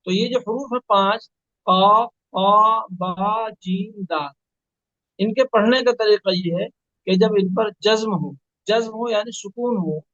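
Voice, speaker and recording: A man teaching Quran reading one-on-one, patiently correcting and spelling out sounds slowly. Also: high voice, no room sound, muffled recording. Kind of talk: one-on-one recitation lesson.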